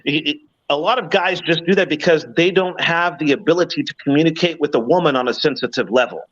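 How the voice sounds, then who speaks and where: Man in his fifties, a touch high for a male voice, casual and repetitive, restarting sentences as he tells a story. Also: quick pace, a bit bright, lo-fi sound. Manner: storytelling with frequent stammered restarts. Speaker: panelist. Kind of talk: casual live panel talk.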